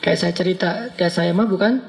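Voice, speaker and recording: A man's voice: sits high, steady tone, fairly quick, gravelly. A man from Aceh, giving a casual, humorous storytelling sermon and laughing as he talks. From Aceh, Indonesia. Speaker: preacher.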